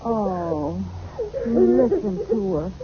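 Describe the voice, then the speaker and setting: An actress playing a wry, wheedling young wife in a 1940s radio comedy. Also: female voice, mid-range voice, very slow. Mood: coaxing. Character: scheming, coaxing young wife playing along as elf. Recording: muffled, hissy 1940s radio recording.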